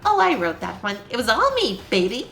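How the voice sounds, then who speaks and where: A woman's voice: fairly high pitch, wildly swooping pitch, fairly quick, gravelly, a bit bright, soft background music, exaggerated voice. A woman voicing a mischievous robot bear villain from a video game, smug, taunting and theatrical. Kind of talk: video game character read-aloud.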